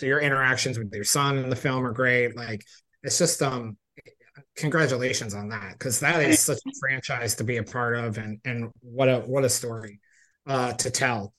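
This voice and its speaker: A man's voice: mid-range voice, bright, forceful tone. Rambling man in his forties hosting. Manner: rambling, lots of "like" fillers. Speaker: host. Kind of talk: interview chat.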